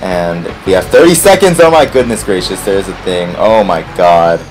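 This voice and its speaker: A man gives rambling, casual commentary over gameplay, turning excitable and swearing whenever things go wrong. His voice sits fairly low and sounds a little strained from a recent bout of voice loss. Game music plays faintly behind him. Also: normal speed. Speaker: let's play host.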